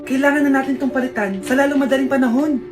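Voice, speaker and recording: A woman's voice: high voice, fairly even intonation, quick pace, pitched below the performer's own voice, lightly acted. A woman voicing a serious doctor who speaks in a formal, grave way. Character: grave doctor delivering bad news. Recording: music playing over the voice.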